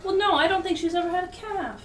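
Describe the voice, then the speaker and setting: A woman's voice: very high-pitched, fast talker, far from the mic, pitched above the performer's own voice. A woman voicing Matillery, a prim cat princess who works as an innkeeper, in a haughty, matter-of-fact, sing-song manner. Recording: roomy, from the mic, faint music.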